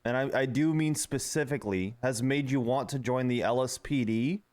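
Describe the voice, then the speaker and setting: A relaxed man runs a casual role-play job interview in an easygoing manner. His voice sits at an ordinary middle pitch. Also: normal speed. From America. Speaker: police interviewer.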